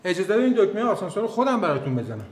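A touchy janitor, sarcastic, self-pitying, high-pitched, roomy sound. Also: male voice, big pitch swings, a little hiss or hum. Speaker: building cleaner. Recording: roomy set with faint music.

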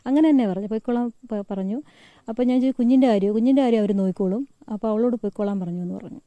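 A woman with a lilt recounts events to an interviewer in a halting way, pausing often on fillers and restarting her sentences. Her voice is very dark and mellow and sits a little high. The recording is dry and close. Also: no echo. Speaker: friend giving an interview.

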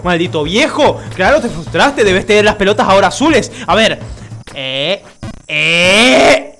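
A man commentating as he plays a video game. He gets frustrated, swears and yells at the game, and the room he records in has an echo. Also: very high-pitched. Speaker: YouTuber playing a video game. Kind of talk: let's-play gaming commentary.

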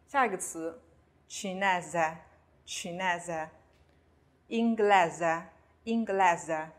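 A woman giving a beginner pronunciation lesson. She explains how to shape each sound, then says each example word slowly and twice. Her pitch sits in the middle range. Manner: slow, careful modeling of sounds with repeats. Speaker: language teacher.

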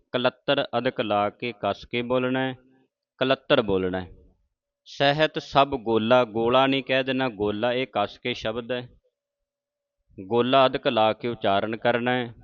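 A man with a Punjabi accent teaching pronunciation of scripture, chanting lines slowly and correcting each word, addressing listeners as the congregation. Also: mid-range voice, clear, resonant tone, dry recording, highs cut off. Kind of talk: religious pronunciation lesson.

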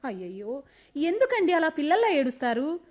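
An actress playing a bold, scheming young village woman in love, who talks in a teasing, lively way in a radio play. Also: sits high, fairly quick, highs cut off.

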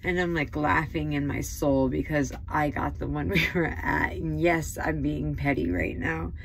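A woman's voice: deep voice, animated, a little slow, slight background noise, poor audio. A woman telling an emotional, rambling story straight to her phone, worked up and close to tears at times. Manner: heated, rambling, tearful at times.

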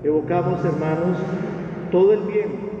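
High-voiced priest in an echoing church. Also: male voice, music in the background. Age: middle-aged. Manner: solemn, halting phrases. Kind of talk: funeral homily. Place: inside a church. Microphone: gooseneck lectern microphone. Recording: echoey church, distant mic, dull, noisy.

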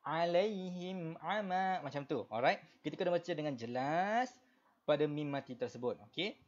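A man with a Malaysian Malay accent teaching Quran recitation, explaining patiently with lots of repetition and fillers, then chanting verses slowly. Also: on the high side, animated, highs cut off. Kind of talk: online Quran recitation lesson.

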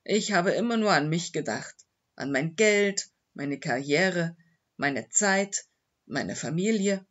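A man's voice: a little high, animated, slow, a bit bright, slightly rough, dull audio, exaggerated voice. A man reading the voice of a remorseful very old man in an audiobook, pleading and regretful. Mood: defensive.

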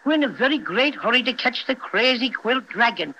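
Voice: mid-range voice, lively intonation, fairly quick, bright, forceful tone. An actor playing a small, folksy, fussy toy bear guiding children in 1930s radio style. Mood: annoyed. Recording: dull, noisy 1930s radio recording.

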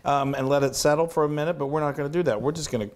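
A man's voice: a little high, rapid-fire. A man hosting a casual cooking demonstration, chatty and enthusiastic, often trailing off and restarting his sentences. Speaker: cooking show host.

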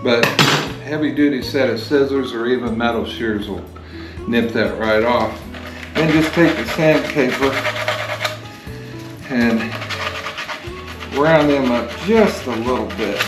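Guitar music plays clearly behind a retired man in his sixties, a DIY workshop host, whose voice echoes through a garage. At an ordinary middle pitch, he walks plainly and unhurriedly through a workshop project step by step in a hands-on how-to demonstration.

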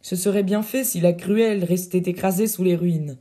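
A swaggering captain full of pompous bluster, voiced by a man reading an audiobook. The voice sits high yet sounds dark and mellow. He boasts in grand, puffed-up phrases. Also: fairly even intonation, normal speed, close to an everyday voice. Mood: indignant bluster.

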